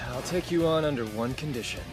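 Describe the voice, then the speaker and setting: A man's voice: mid-range voice, moderate pace, over music, close to an everyday voice, poor audio. A man playing a cocky, blunt teenage boy in an anime dub, speaking casually with a taunting edge. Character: cocky, blunt teenage boy, top-ranked game player.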